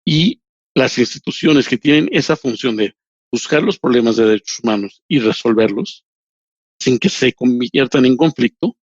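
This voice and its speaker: Here a professor and human rights lawyer, not a native Spanish speaker, works through interview answers with deliberate slowness and many restarts. The man's medium-pitched voice is animated and slightly rough, and the muffled recording has no room sound.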